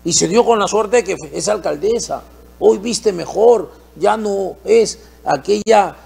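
Brief: high-pitched Peruvian male opinion host, indignant, fond of rhetorical questions. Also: measured pace, creaky, darkish tone, husky. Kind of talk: political commentary.

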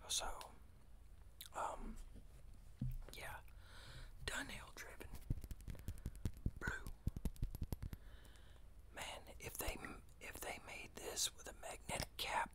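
An American man whispers close to the microphone in an ASMR style. His delivery is very slow and informal, like an unhurried product review for listeners at home. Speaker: fragrance reviewer and ASMR host. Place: small indoor room with shelves of bottles. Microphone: close desktop condenser microphone.

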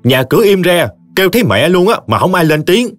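A man's voice: sits high, sing-song, soft background music, voice pushed up. A man voicing a flustered villager who hurries out his news in a Southern Vietnamese accent. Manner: rushed, breathless.

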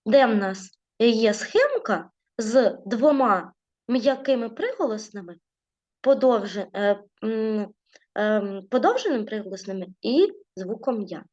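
A woman teaching a primary school class, speaking gently with many diminutives and frequently checking in with "right?". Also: a little high, lively intonation, measured pace, highs cut off. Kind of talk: classroom lesson narration.

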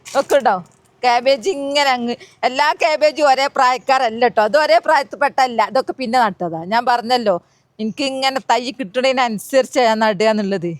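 A woman's voice: sits high, a little fast, dry recording. A woman chatting to her viewers in a casual gardening vlog, recorded outdoors in a garden beside a road. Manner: chatty, speaks straight to viewers. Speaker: gardening vlogger.

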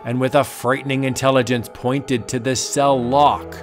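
A man's voice: mid-range voice, level tone, normal speed. A man narrating a vintage horror comic in a dramatic, suspenseful audiobook style. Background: faint music.

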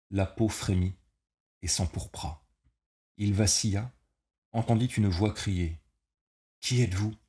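A man reading a novel aloud as narrator, in a slow, measured, dramatic delivery. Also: low-pitched, mellow. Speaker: audiobook reader. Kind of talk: scripted narration.

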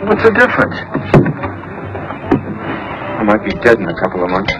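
An earnest young soldier. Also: male voice, lowish voice, huge pitch swings, moderate pace, dull audio, over music. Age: young adult. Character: earnest young soldier in love, blunt and steady. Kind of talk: film drama acting.

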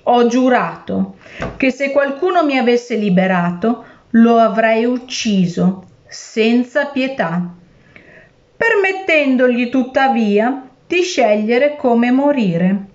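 A woman's voice: a little high, lively intonation, takes it slowly, dull audio. A woman reading aloud and voicing a cruel, tricky male genie who threatens and wheedles in turn. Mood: menacing.

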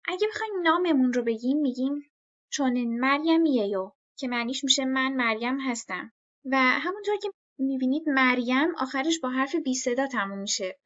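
A woman giving a scripted language lesson, speaking clearly and patiently and repeating each example slowly. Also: sits high, a bit bright, dull audio. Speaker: language teacher.

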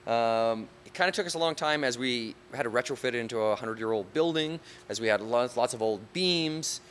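A man's voice: mid-range voice, a little fast, a bit bright, slight background noise. A man in his thirties, a bar owner, talking casually in an on-site interview, with many fillers like "you know" and "um". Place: outdoors on a street, then inside a large bar and bowling hall. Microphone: handheld reporter mic.

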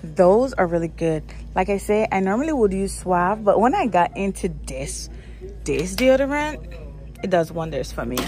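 Filming on a handheld phone as she shops a store aisle, a woman vlogs casually, chatting and thinking aloud and often repeating herself. Her voice is mid-range with a darkish tone, normal speed and big pitch swings.

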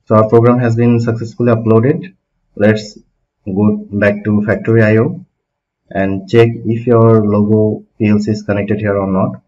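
Low-voiced man explaining, step by step. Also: little pitch movement, normal speed, dark tone. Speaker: automation instructor. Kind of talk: screen-recorded technical tutorial. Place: small room at a desk. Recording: dull lo-fi home recording.

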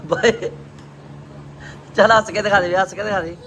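Punjabi man vlogging over loud background noise. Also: high voice, steady tone, normal speed. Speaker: vlogger and father. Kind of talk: casual family vlog chat and narration. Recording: loud ambient and vehicle noise.

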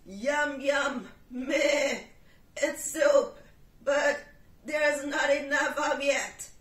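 A fussy, bleating goat from a picture book, put on by a woman reading aloud. The voice is loud and a little raised, with bleats slipped into the words. It is heard from a distance in a roomy space. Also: high-pitched, extremely slow. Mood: pushy.

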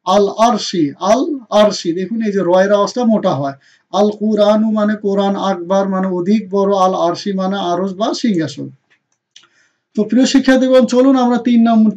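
A man with a Bangladeshi Bengali accent and a high voice teaches recitation rules, answering his own questions and repeating each word slowly and loudly. The sound is dull and lo-fi. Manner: drills rules by asking questions and answering them himself. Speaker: Quran reading teacher. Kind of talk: online recitation lesson.

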